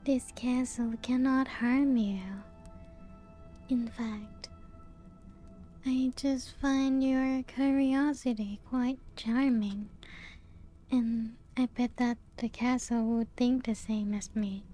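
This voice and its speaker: A woman plays a playful, teasing vampire lady showing guests around her ancient castle in a soft-spoken ASMR roleplay. Her voice is on the high side and steady, slow and hushed, charmed and soothing, often slipping into whispers and soft chuckles. Music plays in the background.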